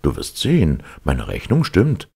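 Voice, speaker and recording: An eager, humble fairy-tale servant, as a man reads him aloud, pitched up from a very deep, husky voice. His delivery is lively and earnest, with a slight rasp. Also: measured pace, heavily acted. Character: anxious humble male servant.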